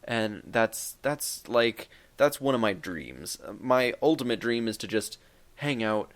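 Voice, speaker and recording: A gaming YouTuber in his twenties takes viewer questions at a slow pace, his medium-pitched voice expressive throughout. The vlog is casual and meandering, with lots of jokes and fillers.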